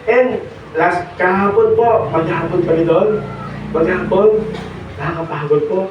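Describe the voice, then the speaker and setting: Hoarse young preacher in an echoey church. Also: male voice, sits high, a little hiss or hum. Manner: mixes Tagalog and English, pauses with fillers. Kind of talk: sermon. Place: church hall. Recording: echoey hall, distant dull mic.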